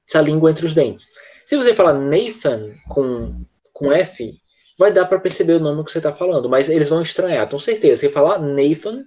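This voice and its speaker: A man's voice: on the high side, a little mellow, breathy edge. Man teaching English online. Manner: patient, repeats "tá?" checks after each point. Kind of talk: online class, explaining pronunciation. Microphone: video call.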